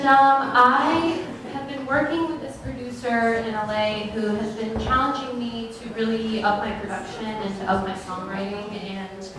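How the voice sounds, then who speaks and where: A woman from the Czech Republic, a guest musician introducing her song in casual talk full of fillers like "like" and "um". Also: fairly high pitch. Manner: chatty, lots of "like" and "um" fillers. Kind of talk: casual live-event talk. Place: event room with audience. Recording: very echoey room, from far off, crowd noise.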